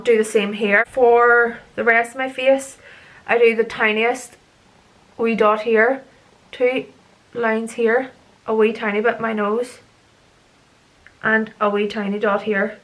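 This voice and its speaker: A young woman chatting casually through her makeup routine as a beauty vlogger, rambling and tripping over her words as she laughs at herself. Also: a little high. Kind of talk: casual makeup tutorial chat.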